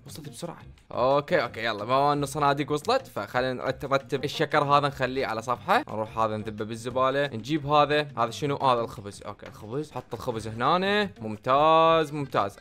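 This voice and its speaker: A man's voice: mid-range voice, fairly bright tone. A young man giving playful, swaggering commentary over a game, talking straight to his viewers. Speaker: gaming YouTuber. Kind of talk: casual gameplay commentary.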